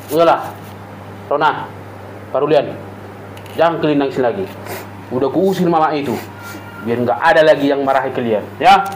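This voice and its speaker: A man's voice: a little high, moderate pace, long pauses, a little hiss or hum, lightly acted, poor audio. A man playing a blustering Batak father. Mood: coaxing. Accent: Batak Indonesian. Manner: blustering, scolding, then meek and apologetic. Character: hot-tempered Batak father, later remorseful. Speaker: father of the household. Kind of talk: amateur family drama acting.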